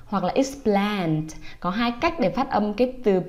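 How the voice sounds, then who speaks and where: A woman teacher with a mid-range, darkish voice and lively intonation speaks briskly. In a patient, casual way, she explains English phrases and pronunciation to parents.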